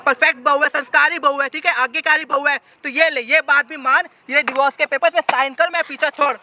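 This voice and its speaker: Performer doing a cold, bossy young husband, high bright voice, faint hiss behind. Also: steady tone, fairly quick. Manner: bossy, repeats "ठीक है?" constantly. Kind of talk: family drama skit acting.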